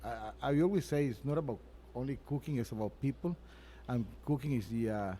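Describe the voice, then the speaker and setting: A man with a mellow, relaxed voice at a medium pitch, answering interview questions about himself. He talks earnestly, stops and restarts his sentences often, and is recorded inside a restaurant. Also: slight background noise. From Venezuela. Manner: earnest, halting, with frequent restarts. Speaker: chef and restaurant owner, guest.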